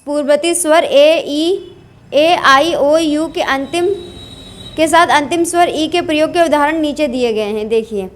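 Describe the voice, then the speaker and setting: A woman's voice: high voice, unhurried. A woman teaching a pronunciation lesson, reading rules aloud and drilling word lists. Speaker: English teacher. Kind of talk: slow classroom-style pronunciation lesson.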